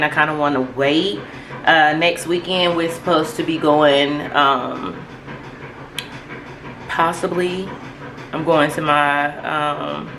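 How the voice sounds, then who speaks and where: A young woman chatting casually in a vlog about her day, rambling and upbeat with lots of fillers. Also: low voice. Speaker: vlogger. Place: home with a washing machine running. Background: washing machine noise.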